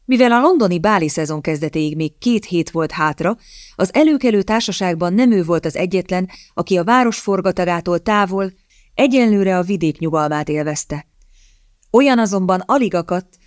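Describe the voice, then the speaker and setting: An audiobook narrator reading a period novel in a steady, measured storytelling manner. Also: medium pitch, no room sound, clean studio sound.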